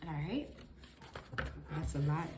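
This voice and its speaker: Woman, tarot reader, congested nose, sniffly, emphatic and preachy, lowish voice, noisy background. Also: expressive, takes it slowly. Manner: emphatic, preachy, addresses viewers directly. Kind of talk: intuitive tarot reading to viewers.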